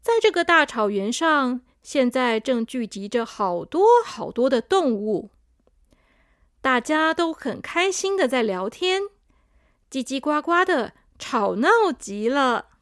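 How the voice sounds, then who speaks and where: A woman with a high, lively voice reading a children's story aloud. She speaks gently and unhurriedly to young listeners. The recording is dry and close. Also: slow pace, no room sound.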